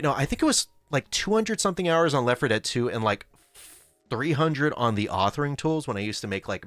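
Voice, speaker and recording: A man's voice: on the low side, a bit bright, no room sound, studio quality. A man hosting a casual livestream, rambling and correcting himself as he reads chat. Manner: rambling, self-correcting, laughs often. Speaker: livestream host. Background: faint background music.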